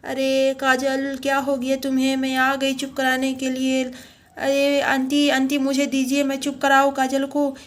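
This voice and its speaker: A woman voicing an eager little girl who pleads to calm her crying baby sister, in a doll storybook video. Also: sits high, a little slow, voice pushed up.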